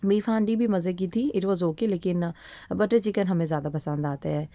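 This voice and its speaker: Low-voiced Pakistani woman vlogger. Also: moderate pace, dark tone, no room sound. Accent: Pakistani Urdu. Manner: chatty, mixes English phrases, many fillers. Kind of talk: casual voice-over narration.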